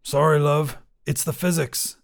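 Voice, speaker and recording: A man's voice: a little high, fairly even intonation, a little slow, creaky. A man voicing an uneasy, determined heist leader. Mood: strained.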